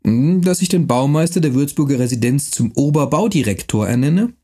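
A man's voice: medium pitch, animated, dark tone, natural voice. A man doing a sly, theatrical prince-bishop. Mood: teasing. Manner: teasing, pausing for effect.

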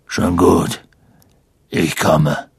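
A man voicing a huge, rough, hot-tempered gamekeeper who blurts and blusters in an audiobook reading. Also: low-pitched, flat delivery, extremely slow, no echo, clean studio sound, voice pushed down, full character voice. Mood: gruff.

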